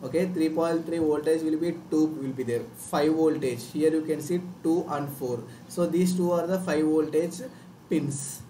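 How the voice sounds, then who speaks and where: A male instructor with a Telugu Indian accent gives a live tutorial, repeating himself as he explains. He sits back from the mic in an echoey room, with faint noise behind his soft-edged, mellow voice. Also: a little high, steady tone, moderate pace, far from the mic. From Telugu-speaking South India. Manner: repetitive, checks understanding with tag words. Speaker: online workshop instructor. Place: indoor room, live screen-share stream.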